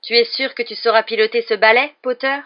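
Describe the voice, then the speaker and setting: Lady doing a sneery rich-kid teen, slow drawl, icy, dull sound. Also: mid-range voice, steady tone, natural voice. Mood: sneering. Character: cold sneering teen boy rival. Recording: dull lo-fi recording.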